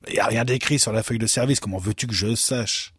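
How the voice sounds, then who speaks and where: A flustered, puzzled gate guard, as a male reader puts him on in a radio story. The voice is husky and a bit raised. It sounds close and dry. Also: lowish voice, quick pace, fairly bright tone, no room sound. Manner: puzzled, grudging.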